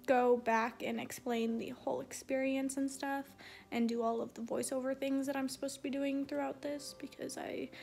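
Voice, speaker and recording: A woman's voice: high voice, little pitch movement, moderate pace, vocal fry, a little mellow, faint music behind. A young adult woman giving a casual video diary update, rambling hesitantly and often saying "like". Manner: hesitant, filler-heavy rambling with frequent "like". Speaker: vlogger.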